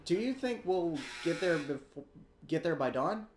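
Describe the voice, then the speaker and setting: A man's voice: a little high, animated, moderate pace, slight background noise, natural voice. A man reading as a polite young schoolgirl. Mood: dry. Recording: echoey room with guitar music.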